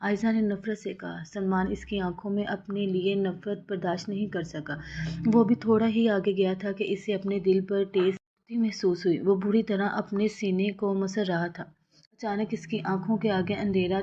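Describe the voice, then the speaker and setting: Mellow woman reading a novel aloud. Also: medium pitch, steady tone, muffled recording. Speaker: novel narrator.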